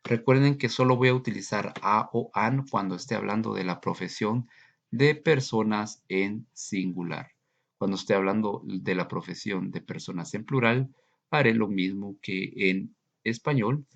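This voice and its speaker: Slow gravelly male teacher, lo-fi recording. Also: on the low side. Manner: slow, patient explaining, repeating examples in two languages. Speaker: English teacher. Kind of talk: recorded screen lesson explaining grammar.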